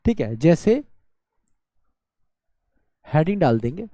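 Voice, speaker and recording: Male tutor, exam-prep lesson, self-quizzing delivery, soft dark tone, dead-dry booth. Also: on the high side, big pitch swings, slow, no echo. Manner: explains by asking and answering his own questions; drawls words out to show syllables. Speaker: teacher.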